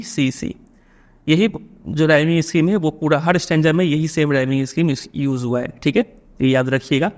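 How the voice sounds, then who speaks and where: A man with an Indian accent, a teacher explaining a poem to students in a patient way, often checking that they follow. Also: fairly high pitch.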